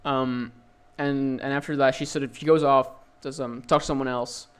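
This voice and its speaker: A man's voice: medium pitch, flat delivery, moderate pace, slight background noise. A young man running a tabletop game as dungeon master, narrating with many fillers and restarts.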